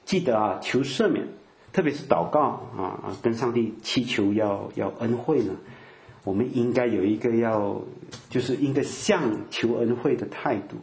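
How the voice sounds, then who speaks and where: A man's voice: mid-range voice, moderate pace, a little mellow, reverberant. An older man giving a conversational sermon, full of filler particles and acted-out quotes. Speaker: preacher.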